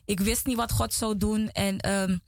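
A woman's voice: mid-range voice, fairly even intonation, a little slow, no room sound. A woman guest in a small studio giving an emotional religious testimony, earnest and repeating words as she talks.

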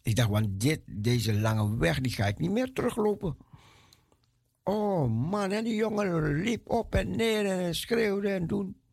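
Man, testimony storyteller, husky voice, slightly high, dry close sound, animated. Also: a little slow, no room sound. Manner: lively, acts out the voices of the people in his story; repeats words for emphasis. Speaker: speaker giving a personal testimony.

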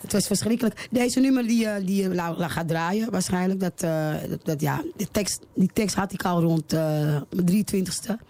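A woman's voice: lowish voice, normal speed, hardly any pauses, dark tone. A woman in her forties, a singer being interviewed on the radio, talking in a hesitant, chatty way full of fillers and restarts. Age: 40s. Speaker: singer guest.

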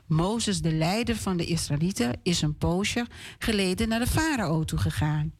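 A woman on children's radio reading a Bible story aloud in a clear, expressive way. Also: fairly low pitch, moderate pace.

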